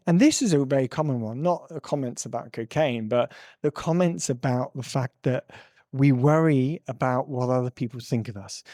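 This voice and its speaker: A man's voice: medium pitch, mellow, dry recording, studio quality. A male tic coach giving an earnest, rambling talk with frequent laughs. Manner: earnest, ranting, breaks into laughs. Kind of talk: casual monologue commentary.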